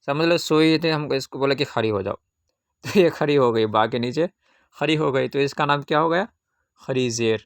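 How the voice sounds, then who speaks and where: A man teaching a Qaida reading lesson, patiently asking questions and answering them himself, with drawn-out syllable recitation. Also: medium pitch, no room sound, clean studio sound.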